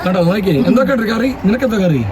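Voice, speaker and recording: A man chats casually as a family vlogger, excitable, repeating words in quick bursts and dropping in English words. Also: high voice, a loud crowd. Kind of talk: casual vlog chat to camera. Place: in and beside a parked car in rain. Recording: noisy outdoor and in-car phone recording. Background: vehicle and urban outdoor noise.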